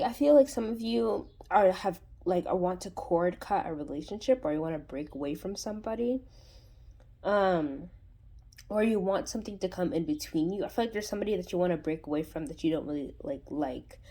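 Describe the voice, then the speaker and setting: A woman's voice: fairly low pitch, brisk, mellow. A woman hosting her own channel, giving a casual spoken tarot reading in a rambling way, full of fillers and restarts. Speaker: tarot reader and channel host.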